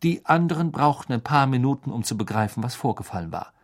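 Husky, lively male storyteller. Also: medium pitch, quick pace. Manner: expressive storytelling. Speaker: audiobook narrator. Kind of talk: scripted narration.

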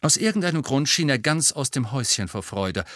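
Male audiobook narrator, mid pitch, even storytelling, dry recording. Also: brisk, dry recording. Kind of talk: scripted narration.

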